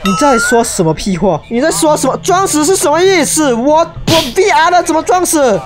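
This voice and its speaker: A young woman, her high voice jumping into shrieks and English exclamations as she plays. Her let's play commentary runs over loud background music. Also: very animated, a little fast. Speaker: gaming YouTuber.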